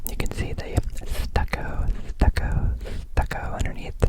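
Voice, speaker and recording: A man speaks entirely in a soft ASMR whisper, with no voiced tone at all. He rambles as the host, lingering on words and repeating them, close up at the microphone as if from ear to ear. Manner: repeats words and phrases slowly.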